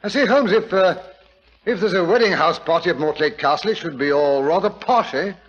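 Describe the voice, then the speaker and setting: An actor with a British accent playing an eager, good-natured doctor sidekick, fussy and bumbling, in a 1940s radio drama. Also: male voice, high-pitched, brisk, a bit bright. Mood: hearty. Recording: muffled 1940s radio recording.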